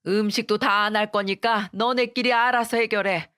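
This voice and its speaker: Brief: woman playing a tired mother-in-law, sighing and grumbling, medium pitch, dry close sound. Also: fairly even intonation, moderate pace, fairly bright tone, clean tone, dry recording, lightly acted. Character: weary, defensive middle-aged mother-in-law.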